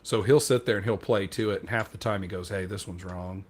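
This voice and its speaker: A man's voice: low voice, steady tone, fairly quick. A man on a podcast telling a rambling, self-deprecating story in casual chat, acting out what other people said. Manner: acts out quoted dialogue. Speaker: podcast co-host.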